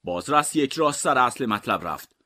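A man narrating comic mystery stories in a deadpan, even storytelling manner. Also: medium pitch.

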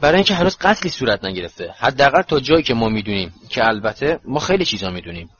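A man voicing a brooding, protective grown man in a storybook reading, speaking quietly and low. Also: big pitch swings, a little hiss or hum. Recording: dull lo-fi recording.

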